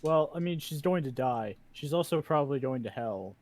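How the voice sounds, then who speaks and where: A man's voice: mid-range voice, animated, normal speed, crowd noise. A man chatting casually as a tabletop game player, explaining and arguing his points.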